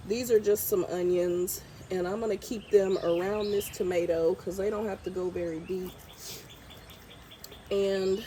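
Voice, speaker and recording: A congested woman vlogs while planting her garden outdoors, chatty and thinking aloud as she works. Her mid-range voice has a warm tone, with slight background noise along with birds and outdoor ambience.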